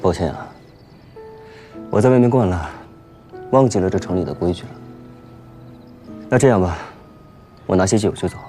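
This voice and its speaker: An actor in a costume drama playing a self-assured government official with a formal, assertive manner. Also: male voice, deep voice, normal speed, long pauses, mellow, faint music behind, natural voice. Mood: dry. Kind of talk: Chinese costume television drama acting.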